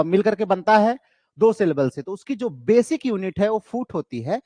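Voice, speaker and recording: A man teaching literature in a lecture style, explaining terms step by step and repeating key points, slowing down for definitions. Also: high-pitched, darkish tone, dry recording.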